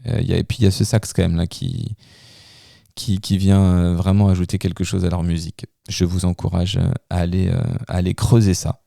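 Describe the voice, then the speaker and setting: Male radio host, gravelly, dry studio sound, hesitant and casual. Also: low voice, little pitch movement, a little fast, warm tone, no room sound. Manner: hesitant, with many fillers and restarts. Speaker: radio host presenting music. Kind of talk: casual radio music commentary.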